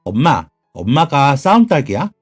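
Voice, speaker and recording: A man's voice: mid-range voice, very animated, normal speed, husky, soft background music. A man voicing a small joking boy. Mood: childlike. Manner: playful, mature beyond his years. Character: small joking young son.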